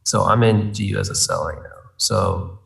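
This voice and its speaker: A man's voice: deep voice, moderate pace, gravelly, a bit bright, recorded from a distance, low-quality recording. A man in a live trade room, thinking aloud about trades in a hesitant, casual way. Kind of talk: casual live trading chat.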